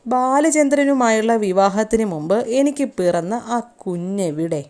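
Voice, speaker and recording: A woman's voice: mid-range voice, lively intonation, a little slow, darkish tone, natural voice. A grieving middle-aged mother pleads and accuses in a raised, tearful voice, as a woman narrator reads her lines. The reading stays close to an everyday voice, more recited than performed. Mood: pleading, accusing.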